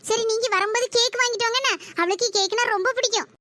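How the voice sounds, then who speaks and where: A woman's voice: extremely high pitch, fast, pushed and bright, no echo, clean studio sound. A woman voicing a busy, scolding village mother with a Tirunelveli Tamil accent in a cartoon. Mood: practical.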